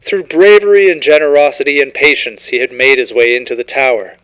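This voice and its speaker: A man's voice: medium pitch, fairly bright tone, smooth, low-quality recording. A man reading a scripted horror story as narrator, in a dramatic, ominous storytelling manner.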